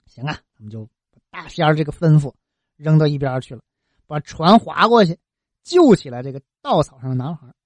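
A woman tells an old folk tale with a lively, colloquial manner. She throws in interjections and little sound effects, and her pitch swings widely. Her voice sits a little low, and the sound is close and dry. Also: brisk, no room sound. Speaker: storyteller.

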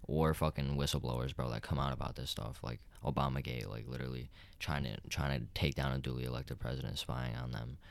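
A man's voice: a bass voice, a little fast, gravelly, few pauses. A young man in casual podcast chat, rambling and heated, with a lot of filler slang. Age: young adult. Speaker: podcast regular.

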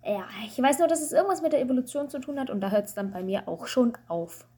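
A woman's voice: sits high, animated, quick pace, mellow, slightly rough. A woman, a student, chatting casually over a call and telling rambling, self-mocking stories with lots of fillers.

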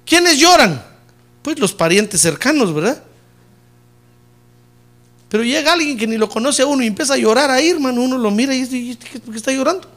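High, lively-voiced preaching pastor. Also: male voice, fairly quick, long pauses. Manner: preaching with humor, rising loud on key points and dropping low and soft on "hermano". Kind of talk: sermon.

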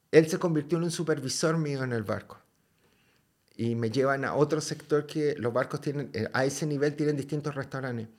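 Speaking casually at an ordinary middle pitch, a man with a Chilean accent shares a story as a guest on a podcast. He's lively and loose, using plenty of slang and cursing freely.

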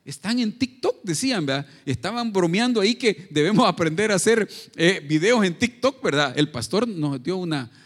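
Male preacher, conversational sermon, fairly high pitch, long church-hall reverb. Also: animated, normal speed, few pauses. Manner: conversational, frequent tag questions and restarts.

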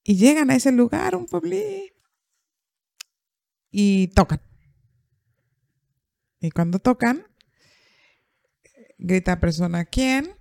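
A woman's voice: mid-range voice, expressive, takes it slowly, gravelly, long pauses, a little mellow, no echo. A woman, a therapist hosting a podcast, telling a story in conversation and acting out the quoted dialogue.

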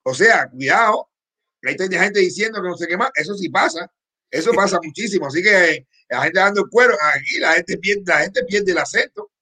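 A man from Cuba co-hosting a casual livestream, talking to the viewers in a lively way. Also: high voice, brisk, breathy edge. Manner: lively, addresses viewers as "señores". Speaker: co-host. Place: in Miami.

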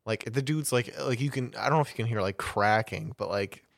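A man's voice: on the low side, brisk, vocal fry, no echo, studio quality. Rambling young man telling a story. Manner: rambling storyteller, many restarts and laughing fits. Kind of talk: casual chat.

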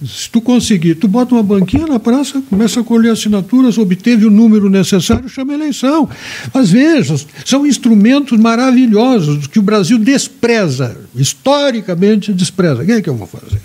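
A man speaks as a guest on a political talk show. His voice sits high for a man, with a soft, mellow tone and a husky grain. He argues emphatically and repeats words while he searches for the next one. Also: lively intonation, fairly quick. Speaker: guest commentator.

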